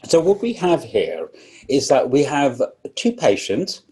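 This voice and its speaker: A man's voice: medium pitch, huge pitch swings, slow, darkish tone, slightly rough. A man giving a public lecture, explaining plainly with frequent ums and restarts, with a throat lozenge in his mouth. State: coughing, sucking a throat lozenge.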